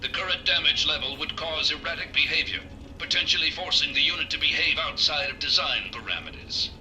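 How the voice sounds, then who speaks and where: A man voicing a malfunctioning male robot field medic that glitches and reports errors in flat, clinical machine announcements, with a robotic filter on the voice. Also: a little high, brisk, recorded from a distance, slight background noise. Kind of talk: video game character dialogue.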